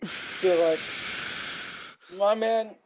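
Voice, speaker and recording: A tabletop game player talks casually and a bit hesitantly, in a mid-pitched voice. The mic carries faint noise and clicks. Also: extremely slow, highs cut off.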